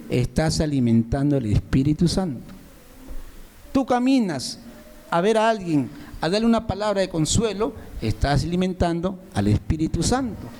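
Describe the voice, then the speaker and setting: A man's voice: high voice, a little mellow. A man preaching a sermon, speaking straight to his listeners and driving points home through repetition. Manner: repetitive emphatic phrasing, speaks directly to listeners. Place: church meeting room.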